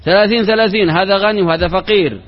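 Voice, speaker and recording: A man's voice: high-pitched, fast talker. A man, an Islamic sheikh, giving a religious lecture built on rhetorical questions and parables, mixing formal speech with everyday colloquial words. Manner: mixes formal Arabic with colloquial. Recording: reverberant hall, dull lo-fi sound.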